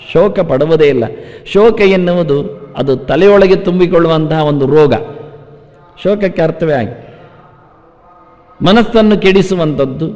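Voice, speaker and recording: Male speaker with a Kannada accent and a high voice, slowly chanting Sanskrit and telling stories in a reverberant temple hall. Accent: Kannada, coastal Karnataka. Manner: chants Sanskrit verses slowly, then explains in lively storytelling. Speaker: Gita discourse speaker. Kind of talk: religious discourse. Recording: dull lo-fi hall recording with reverb.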